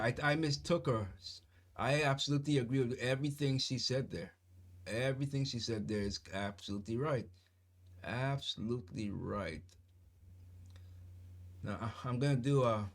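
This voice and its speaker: A man delivering a solo commentary video at a middle pitch. He talks passionately and insistently, and he keeps repeating his key phrases for emphasis. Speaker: political commentary vlogger. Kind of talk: casual solo commentary to camera.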